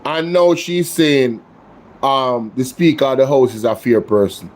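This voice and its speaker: A man's voice: mid-range voice, unhurried. A Jamaican man hosting a live political reaction stream, emphatic and indignant as he responds to clips. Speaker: political commentary host.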